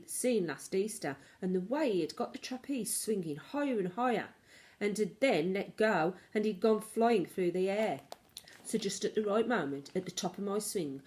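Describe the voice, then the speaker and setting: With a voice on the low side, a woman narrates a children's story like a teacher, full of expression and dramatically shifting emphasis.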